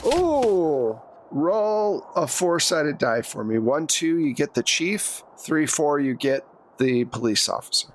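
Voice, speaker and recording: This man's voice is on the high side, and he's very animated while speaking slowly as he runs a tabletop RPG. He narrates the action conversationally in plain second person and calls for rolls. A little hiss or hum can be heard.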